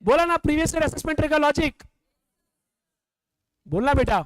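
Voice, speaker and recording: A man's voice: very high voice, expressive, normal speed, a bit bright, no echo, rough recording. A man from India teaching a classroom revision lecture, quizzing students and scolding them in a teasing way.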